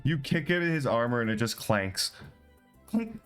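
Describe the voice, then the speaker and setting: A man running a tabletop game as game master, animated and quick to slip into character voices. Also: mid-range voice, clear, resonant tone, soft background music.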